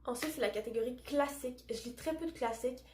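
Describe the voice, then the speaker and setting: A young woman speaks with a Québécois French accent, in a slightly high voice. She chats about books with eager, self-deprecating enthusiasm. Her voice bounces around a roomy space. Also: fast talker, a little mellow, slight background noise. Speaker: book vlogger. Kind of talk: casual book chat.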